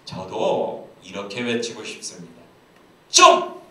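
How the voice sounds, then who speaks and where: A man's voice: medium pitch, very animated, normal speed, a bit bright. A man preaching a sermon as pastor, telling jokes and playful stories. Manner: playful, joking storyteller. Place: church sanctuary. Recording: very echoey church hall, distant mic, faint hiss.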